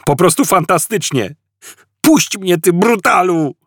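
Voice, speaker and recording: A panicky, whining everyman, very high and husky. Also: lively intonation, unhurried, fairly bright tone, no echo, studio quality, full character voice. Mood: indignant. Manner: shrill, wailing complaints. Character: panicky put-upon Englishman, shrill and whining.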